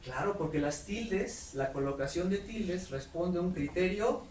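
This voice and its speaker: Man, lecturing teachers, high voice, distant mic in an echoey hall. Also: measured pace. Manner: lively, asks the audience questions. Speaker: workshop lecturer. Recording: roomy hall audio from far off, faint noise.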